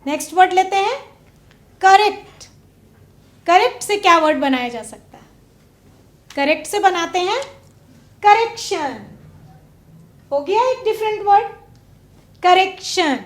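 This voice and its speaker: High-voiced woman teaching a class. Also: animated, echoey room. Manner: slow, drawn-out stress on example words; asks pupils questions and waits. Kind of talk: classroom lesson. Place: studio classroom.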